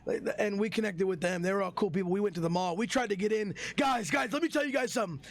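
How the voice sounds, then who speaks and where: A young streamer with a high-pitched, hoarse voice vents to his viewers in a heated storytime. He swears freely and keeps calling them "bro" and "guys". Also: fast. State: hoarse from yelling. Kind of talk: storytime rant to chat.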